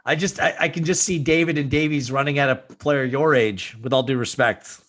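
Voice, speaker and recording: A man's voice: medium pitch, fairly quick. A man hosting a casual sports podcast, talking with enthusiasm. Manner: enthusiastic, excitable. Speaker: podcast host.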